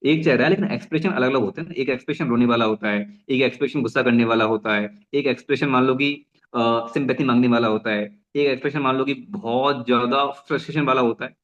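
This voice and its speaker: A young man delivers a rapid, energetic business training talk at a middle pitch. He restarts phrases often and slips English into his Hindi. The recording sounds a little muffled. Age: young adult. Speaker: network marketing trainer.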